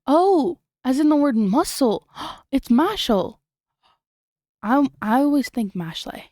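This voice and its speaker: A woman's voice: high-pitched, sing-song, slow pace, a little mellow, dry recording, studio quality. A young woman chatting casually on a late-night stream, giggly and rambling, often trailing off and restarting.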